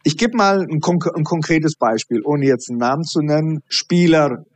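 Husky-voiced male coach, dry sound. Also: fairly high pitch, moderate pace, no room sound. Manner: animated storytelling, acting out dialogue. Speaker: high performance coach. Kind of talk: podcast interview guest.

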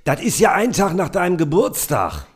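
A gossipy middle-aged mother brags on the phone in a shrill, piping falsetto, as a man puts her on for a comic read-through. She chatters on in a husky, lively sing-song that rarely stops for breath. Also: moderate pace, exaggerated voice. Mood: boastful, excited.

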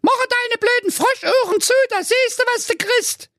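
A man voicing a spoiled, rude young princess in a squeaky falsetto, for a comic fairy-tale parody reading. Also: normal speed, pushed and bright, dry recording, studio quality, full character voice. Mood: snippy. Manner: shrill squeaky falsetto, snippy and scornful.

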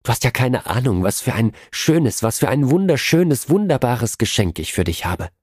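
A man's voice: lowish voice, big pitch swings, normal speed, a little mellow, husky, no room sound, studio quality. A man reading a storybook voices a young wife who pleads with her husband through tears and then turns tender. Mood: pleading. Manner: sobbing, pleading.

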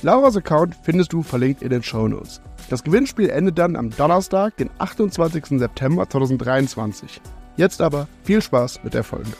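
A man's voice: fairly high pitch, big pitch swings, a little fast, a little mellow, soft background music. A man hosting a podcast, reading the intro and asking questions in a friendly, upbeat way. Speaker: podcast host.

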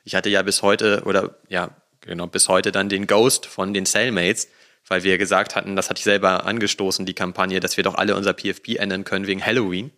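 A man's voice: sits low, flat delivery, fairly quick, pushed and bright. A man co-hosting a podcast in casual chat, a chatty storyteller who rambles with fillers. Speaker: podcast co-host.

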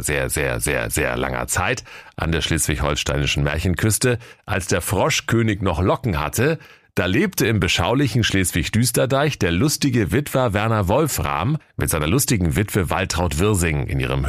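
A man's voice: low-pitched, dry recording, clean studio sound. A man with a Northern German accent narrating a comic fairy tale in a playful, mock-solemn manner. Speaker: storyteller.

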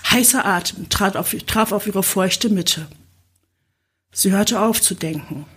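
A woman reading an erotic novel aloud as audiobook narration, slow and sensual. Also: medium pitch, breathy edge.

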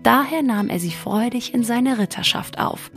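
A woman narrating a fairy tale in a calm, measured, scripted storybook reading. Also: a little high, vocal fry. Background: faint music.

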